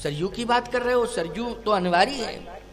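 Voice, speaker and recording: A man's voice: high voice, normal speed, long reverb tail. A male spiritual preacher giving a devotional scripture discourse with emphatic rhetorical questions and chanted verses.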